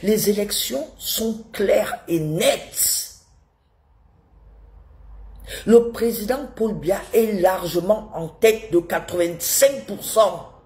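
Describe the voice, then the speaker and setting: A woman with a head cold, a live streamer commenting on politics, rants to her viewers in an indignant, scolding tone, repeating rhetorical questions. Her medium-pitched voice is slow and a little mellow.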